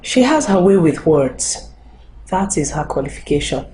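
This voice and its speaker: A woman's voice: deep voice, sing-song, moderate pace, warm tone, slight background noise. An actress with a Nigerian accent playing a gossipy, wary woman worried about a rival at the royal business. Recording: echoey room.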